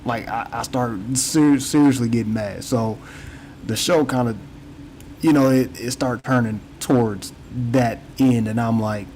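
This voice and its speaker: A man's voice: medium pitch, fairly even intonation, measured pace, darkish tone, a little hiss or hum, poor audio. Rambling casual podcast host, a man. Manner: rambling, repeats words, frequent "you know what I'm saying". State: yawning, tired. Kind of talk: casual chat.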